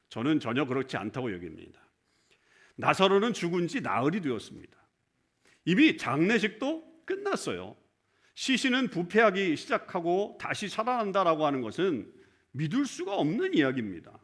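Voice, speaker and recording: A male pastor delivers a conversational sermon in a church sanctuary, often putting questions to the congregation. His voice is high-pitched with a fairly bright tone.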